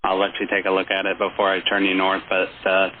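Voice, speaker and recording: Heard as a radio transmission, a low-pitched male controller delivers air traffic instructions a little fast and completely flat. The recording is muffled and band-limited, and background chatter can be heard.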